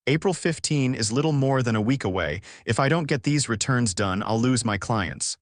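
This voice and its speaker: A man's voice: mid-range voice, animated, moderate pace, no echo, studio quality, lightly acted. A man voicing a busy father, stern with his sons but meek with his wife, in a storybook reading. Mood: stern distracted. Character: harried father doing tax paperwork.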